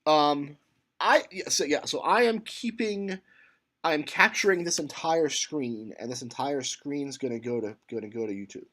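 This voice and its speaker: A man's voice: on the high side, moderate pace, a bit bright. A man teaching a computer science class, talking casually with many fillers and restarts as he thinks aloud. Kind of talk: lecture.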